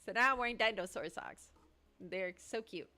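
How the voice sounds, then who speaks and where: A woman chatting excitedly on a casual livestream, thinking aloud in slangy, chatty bursts. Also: mid-range voice, moderate pace.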